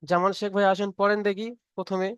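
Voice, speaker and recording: Male tutor, high and clear voice, close and dry sound, patient and repetitive. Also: level tone, fast talker, a bit bright, no echo, highs cut off. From Bengal. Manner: patient, repeats each point and checks understanding. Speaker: Quran reading teacher. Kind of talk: online tutoring class.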